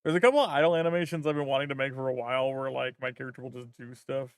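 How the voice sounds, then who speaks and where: A man's voice: medium pitch, rapid-fire, clean tone, no echo. A man streaming as a vtuber, chatting casually and thinking aloud while he works, rambling with lots of fillers.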